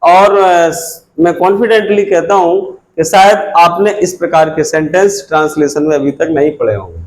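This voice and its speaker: A man's voice: a little high, normal speed, a little mellow, poor audio. A man teaching an English grammar lesson, explaining step by step and repeating key phrases as he points to the board. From India.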